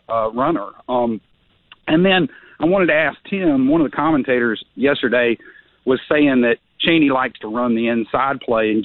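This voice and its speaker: A man phoning in to a radio show, his voice narrow and tinny as through a phone line. He lays out his points in a measured, analytical way, with a few small restarts. The sound is dry, with no room around it. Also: medium pitch, dry recording. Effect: phone-line caller voice.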